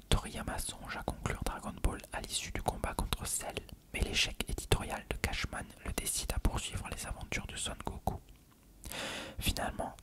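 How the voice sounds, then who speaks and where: An ASMR host talks only in an unvoiced whisper. The pace is measured and explanatory, as though reading an encyclopedia article aloud to a listener from a text.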